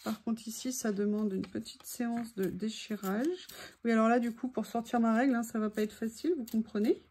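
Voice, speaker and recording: High-pitched woman craft vlogger, chatty and playful, at home. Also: steady tone, a little fast, darkish tone, husky. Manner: chatty and playful, teasing asides to her dog. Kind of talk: casual chat while making a collage.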